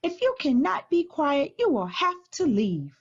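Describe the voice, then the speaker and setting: Storybook role: firm, proper lady librarian, acted by a woman reader, measured and commanding, animated intonation. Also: high voice, lo-fi sound, voice pushed up, exaggerated voice. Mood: stern.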